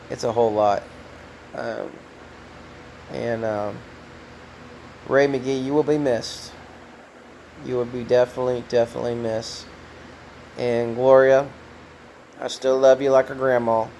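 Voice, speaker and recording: A middle-aged man with a drawl talks to his viewers in a low, unhurried voice, stopping often to gather himself and restarting his phrases. His pitch sits in a plain middle range for a man. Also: slight background noise, poor audio. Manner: soft-spoken, halting, many ums and restarts. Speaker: trucker vlogger. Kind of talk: casual heartfelt talk to camera.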